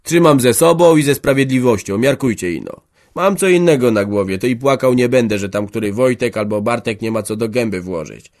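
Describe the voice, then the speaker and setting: A man's voice: medium pitch, expressive, brisk, close to an everyday voice. A man voicing a stubborn, hard-hearted old peasant farmer who speaks harshly and emphatically in an audiobook. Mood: stubborn, defiant. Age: older. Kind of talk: audiobook character voice.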